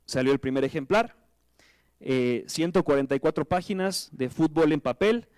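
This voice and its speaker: Mexican guy, 30s, guest speaker, animated slangy storyteller, light pitch, dry. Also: moderate pace, clear, resonant tone, no echo. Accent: Mexican Spanish. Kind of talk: conference talk. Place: lecture hall with audience.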